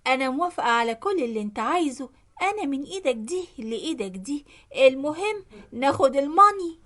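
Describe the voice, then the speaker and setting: A woman's voice: sits high, big pitch swings, quick pace, a bit bright. Woman doing a scheming, flirty Egyptian secretary. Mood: impatient scheming. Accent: Egyptian Arabic.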